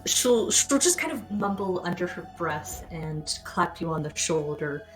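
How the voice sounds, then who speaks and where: Lower-voiced woman narrating as game master. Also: expressive, over music, low-quality recording. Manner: descriptive, unhurried narration with fillers.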